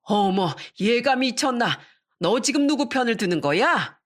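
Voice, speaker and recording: Shrill outraged old mother-in-law, by a woman. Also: moderate pace, pushed and bright. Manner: shrill scolding.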